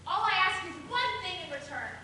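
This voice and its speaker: A woman's voice: extremely high pitch, big pitch swings, fairly quick. A teenage girl playing a brash, pushy street dealmaker in a school play. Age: late teens. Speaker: high school stage actor. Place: school auditorium stage. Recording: echoey hall from far off, clear hiss.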